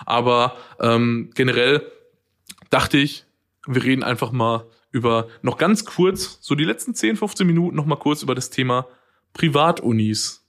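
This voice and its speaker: A young man co-hosting a podcast, chatting casually and telling lively stories in which he acts out both sides of each conversation. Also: mid-range voice, moderate pace. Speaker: podcast co-host. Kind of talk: casual chat.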